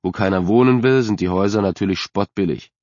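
A man's voice: fairly low pitch, quick pace, a little mellow, no room sound, natural voice. A man voicing a mocking seventeen-year-old boy in an audiobook. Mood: sarcastic. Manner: sarcastic, mocking. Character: sarcastic teenage boy, seventeen. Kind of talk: audiobook character voice. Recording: dry, slightly dull recording.

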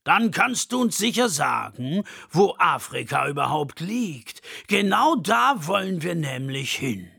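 A man voicing a curious, cautious young male elephant in a children's audio story, speaking slowly and carefully. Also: fairly high pitch, big pitch swings, vocal fry, pushed and bright, husky, dry recording, studio quality, heavily acted. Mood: defiant.

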